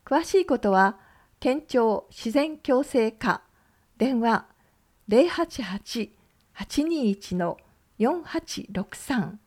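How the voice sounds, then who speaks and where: Female radio host, slightly high, slow measured read of event listings. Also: expressive, darkish tone. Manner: measured, clear reading of lists and numbers. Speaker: radio announcer. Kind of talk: scripted community notices.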